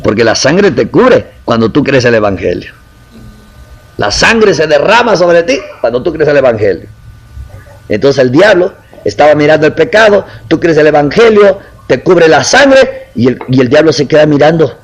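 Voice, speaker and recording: Male preacher, slightly high voice, chatty sermon style, acted-out quotes. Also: very animated, normal speed, rough recording. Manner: conversational preaching with acted quotes and questions to the congregation.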